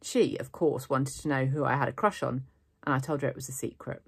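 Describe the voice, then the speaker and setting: A woman's voice: extremely low pitch, a little fast, gravelly, husky. A woman with an English accent, a primary school teacher reading a children's novel aloud in the first person. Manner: first-person storytelling, steady and lively.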